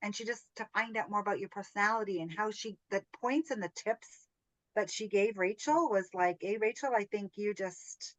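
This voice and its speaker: A woman hosts a relaxed group coaching call over video. She tells stories in a chatty, animated way, laughs often and keeps checking in with "right?" Her voice is recorded close and dry, with little room sound. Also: mid-range voice, moderate pace, no echo, rough recording. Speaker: business training host.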